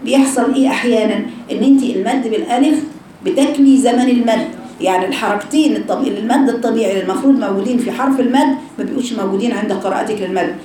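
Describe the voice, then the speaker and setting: A woman's voice: on the high side, rapid-fire, warm tone. Egyptian woman teacher in an echoey room. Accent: Egyptian Arabic. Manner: drills sounds by repeating them, quizzes the class. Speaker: Quran recitation teacher. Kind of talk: classroom lesson to girls. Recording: echoey room, voice far from the mic.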